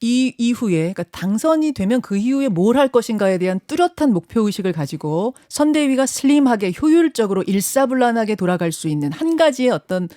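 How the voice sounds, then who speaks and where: A woman hosting a radio news interview, asking brisk questions and often backing up the guest with short replies. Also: fairly high pitch, big pitch swings, mellow, no room sound, studio quality.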